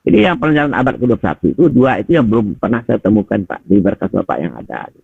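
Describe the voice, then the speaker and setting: With a fairly low, husky voice that swings widely in pitch, this middle-aged man talks quickly while giving teacher-training feedback on a video call. Addressing people as Pak and Bapak Ibu, he leans on rhetorical questions in a conversational way, and the call audio is tinny without echo.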